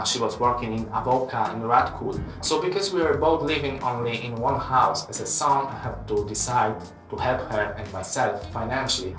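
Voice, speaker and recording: A man in his late twenties from Poland, speaking English with a Polish accent as he earnestly tells his own story on his channel, pausing on frequent "uh" fillers. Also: mid-range voice, fairly bright tone. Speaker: web developer and channel host. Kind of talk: personal story vlog. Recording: roomy echo from a distance with music.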